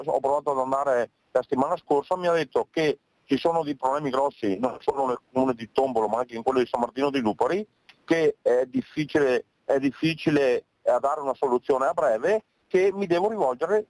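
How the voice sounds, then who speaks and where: A man speaking as a local resident in a street interview, exasperated and halting. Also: mid-range voice, darkish tone, no echo, poor audio.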